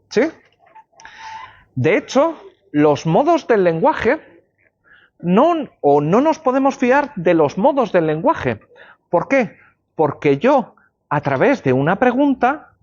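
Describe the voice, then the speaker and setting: A man's voice: sits high, a little mellow. A male law lecturer giving a university class, explaining ideas with everyday examples and checking in with students. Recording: dull lo-fi classroom recording.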